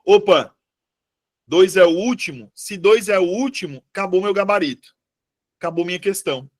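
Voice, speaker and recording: A man's voice: high voice, normal speed. A man with a Brazilian Portuguese accent teaching a live exam-prep review class, chatty, checking in with students and correcting himself aloud.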